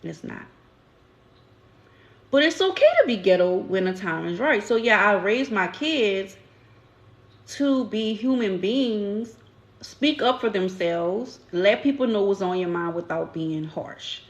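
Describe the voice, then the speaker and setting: A woman with a New Orleans accent hosts a casual live-stream chat. She talks in a candid, storytelling way with everyday slang. Her voice sits at a middle pitch. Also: expressive, slow pace, reverberant, muffled recording. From New Orleans, USA. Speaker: channel host.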